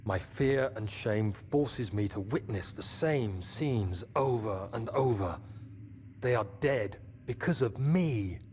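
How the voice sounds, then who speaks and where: Low-voiced, solemn gentleman diarist. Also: lively intonation, slight background noise. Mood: solemn, troubled. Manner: formal, solemn, measured recital. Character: troubled, educated 19th-century gentleman reading his journal. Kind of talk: scripted diary narration in a video game.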